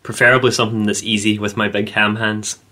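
Low guy with a bright edge, hosting a hobby podcast, lots of ums. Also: little pitch movement, fast. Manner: hedging, many ums. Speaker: podcast co-host. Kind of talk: casual chat.

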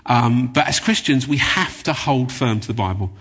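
Bright-voiced preacher in a reverberant hall. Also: male voice, mid-range voice, lively intonation, normal speed, breathy edge. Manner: chatty storyteller, many fillers. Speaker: guest preacher. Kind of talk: sermon with anecdotes. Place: church.

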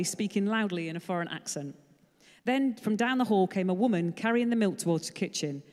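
A woman giving an earnest, conversational sermon full of stories. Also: mid-range voice. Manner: earnest, conversational, dropping to soft emphasis. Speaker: preacher. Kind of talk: sermon with storytelling. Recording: long hall reverb.

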